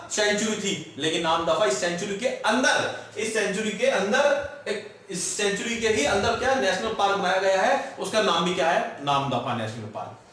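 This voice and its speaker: A man's voice: extremely high pitch, a bit bright. A man teaching an exam-prep lecture, quizzing his students with questions and answering them himself. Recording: echoey room, far from mic.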